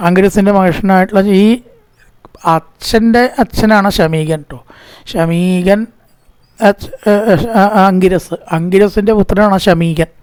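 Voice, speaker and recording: A man's voice: high voice, dry recording. Malayali man chanting and explaining scripture. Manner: chants verses slowly, then explains quickly in plain speech. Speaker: scripture teacher. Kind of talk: verse-by-verse scripture class.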